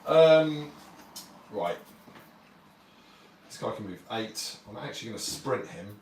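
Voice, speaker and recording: A man's voice: fairly low pitch, a little slow, vocal fry. Chatty man explaining game rules. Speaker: streamer playing a tabletop wargame. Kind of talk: casual live-stream game commentary. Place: warm home apartment, indoors. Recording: roomy sound, distant mic, faint noise.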